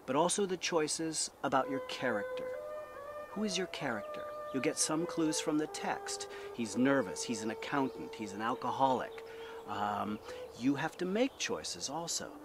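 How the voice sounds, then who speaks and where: A man teaching acting like a drama teacher, speaking in an emphatic, deliberate way and posing rhetorical questions as he lectures. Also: mid-range voice, lively intonation, over music.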